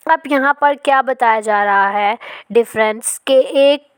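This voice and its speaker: A woman teaching a literature lesson. She explains in Hindi, reads English passages slowly, and often checks in with "ठीक है". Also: fairly high pitch, clean tone, no echo.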